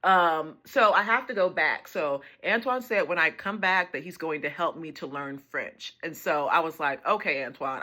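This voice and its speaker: Bright-voiced chatty woman vlogger. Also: fairly low pitch. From United States. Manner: chatty, laughs often, quotes others in dialogue. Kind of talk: casual storytelling.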